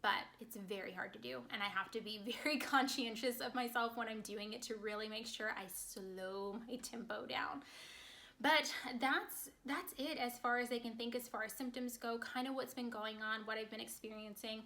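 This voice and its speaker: A woman vlogger chatting casually to camera, congested and short of breath, talking very fast. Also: a little high, fairly even intonation, gravelly, sharp tone.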